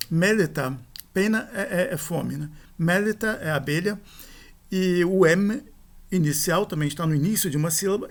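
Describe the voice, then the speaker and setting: A middle-aged man delivers a recorded grammar lecture in a somewhat high voice. He explains step by step and often corrects himself mid-sentence. Short tag questions keep checking that the listener is following. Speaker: teacher.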